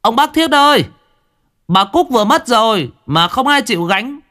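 A man voicing a frightened little village boy, calling out shrill and urgent. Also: lively intonation, moderate pace, pushed and bright, exaggerated voice. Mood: panicked.

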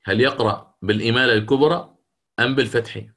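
A man's voice: mid-range voice, fast, fairly bright tone. A man teaching Quran recitation rules in a lecture, explaining step by step, asking his students questions and chanting the verses he quotes.

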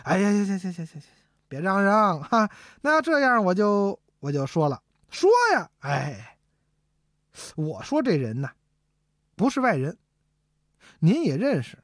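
A woman voicing a sly, scheming male minister who talks soft and wheedling, in a storytelling piece. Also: medium pitch, big pitch swings, measured pace, pauses often, no room sound, clean studio sound.

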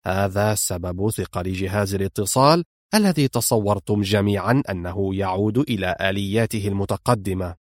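A cold spy mastermind, put on by a male narrator, speaks in a low, hushed register. His delivery is calm, clipped and menacing, and every order sounds final. The audiobook recording is dry and close. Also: a little fast, no room sound, close to an everyday voice. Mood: cold, commanding.

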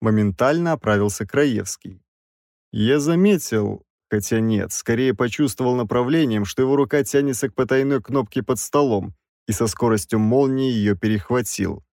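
A man reading an audiobook aloud with expressive, animated narration. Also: medium pitch, normal speed, no room sound, studio quality. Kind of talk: scripted narration.

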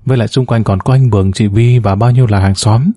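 A man reading the lines of a caring young wife and mother, speaking softly. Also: lowish voice, steady tone, quick pace, dry recording, studio quality, close to an everyday voice.

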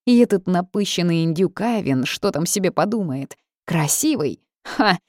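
A woman reading a first-person story aloud, lively with wry asides. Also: fairly low pitch, normal speed, no echo, clean studio sound. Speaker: audiobook narrator. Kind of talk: first-person audiobook narration.

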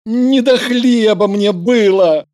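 A woman voicing a young man, a jealous and earnest lover, with terse, gruff short replies. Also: on the high side, slow, darkish tone, pitched above the performer's own voice.

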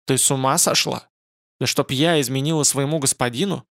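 A man voicing a wary, stern old woman servant who speaks curtly in a hoarse voice. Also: mid-range voice, fairly quick, fairly bright tone, no echo, clean studio sound, close to an everyday voice. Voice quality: hoarse from sleep. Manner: curt, suspicious.

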